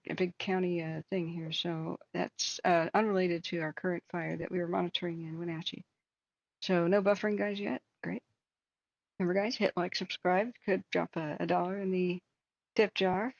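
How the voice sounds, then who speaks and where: A woman's voice: fairly low pitch, gravelly, dry recording, lo-fi sound. A woman hosting a livestream with casual wildfire-tracking commentary, thinking aloud in a conversational way. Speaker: livestream host.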